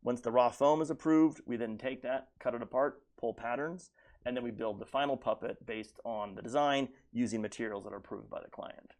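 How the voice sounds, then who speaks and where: American man explaining, medium pitch. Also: fairly quick, darkish tone. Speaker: puppet builder. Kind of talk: casual interview, explaining.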